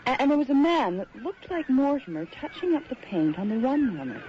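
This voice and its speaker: In first-person radio drama narration, an actress voices a moody, reflective city woman telling her own strange tale. Her high voice is sing-song and fairly quick, and the mood is brooding and reflective. The recording sounds dull and hissy.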